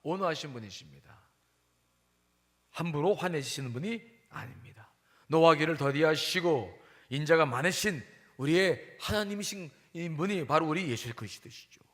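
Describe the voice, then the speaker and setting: A male pastor preaching a sermon emphatically, questioning the congregation and moving between loud and hushed delivery. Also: on the high side, lively intonation, moderate pace. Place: church sanctuary. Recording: long hall reverb.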